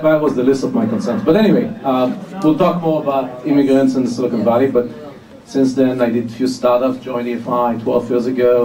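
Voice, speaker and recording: Wry man on a distant hall mic. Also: medium pitch. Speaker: panelist entrepreneur. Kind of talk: panel self-introduction. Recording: roomy hall mic from far off with audience.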